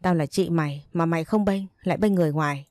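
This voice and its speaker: A woman's voice: fairly low pitch, quick pace, a little mellow, no echo, lightly acted. A woman reading a story voices a spiteful, scornful sister-in-law who insults the narrator.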